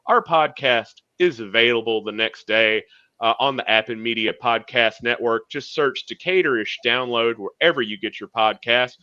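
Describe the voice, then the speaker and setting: A man hosts a talk show over a video call, with a bright, forceful voice. He talks in a relaxed, chatty way and drops in fillers. The audio is dry and a little dull. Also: medium pitch, normal speed, no echo. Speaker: show host. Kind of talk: casual talk show hosting.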